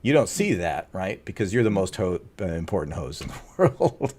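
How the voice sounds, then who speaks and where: A man with a lowish voice co-hosts a business podcast in an easy conversational way. He gets animated and now and then drops into playful put-on to make a point. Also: moderate pace, slight background noise. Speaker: podcast co-host, agency owner. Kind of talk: casual podcast chat.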